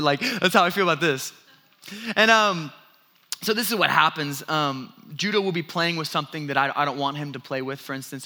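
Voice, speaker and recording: Animated, bright-voiced young pastor. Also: male voice, fairly high pitch. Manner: animated storytelling with self-deprecating laughs and repeated restarts. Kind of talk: sermon.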